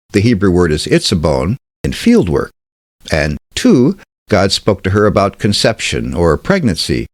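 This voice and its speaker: A man giving a scripted Bible study talk, measured and emphatic, slowing down to stress key words. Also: lowish voice, no echo, studio quality. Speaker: Bible teacher.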